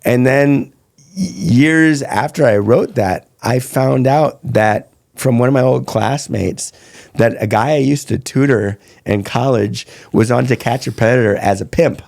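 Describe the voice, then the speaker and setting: A man's voice: mid-range voice, measured pace, vocal fry, darkish tone, dry recording, studio quality. A man who teaches comedy, chatting casually in a podcast conversation and rambling through his stories. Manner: chatty storyteller, loose and rambling.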